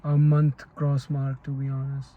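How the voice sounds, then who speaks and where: A man's voice: mid-range voice, monotone, unhurried, phone-quality sound. A young man chatting casually as co-host, easygoing and agreeable. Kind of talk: casual chat.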